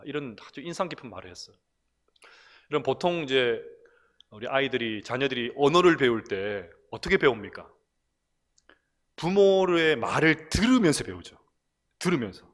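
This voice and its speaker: A middle-aged man from the Gyeongsang region of Korea with a Gyeongsang accent, preaching a conversational sermon in church and telling stories with animated asides. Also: medium pitch. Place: church, recorded from broadcast room.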